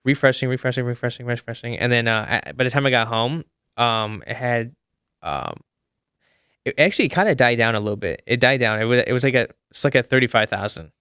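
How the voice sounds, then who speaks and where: A man's voice: mid-range voice, lively intonation, fairly quick, bright, forceful tone, clear, resonant tone, dry recording, studio quality. A young man in casual podcast chat, telling a story with lots of fillers and restarts. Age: young adult. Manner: rambling, many fillers and restarts.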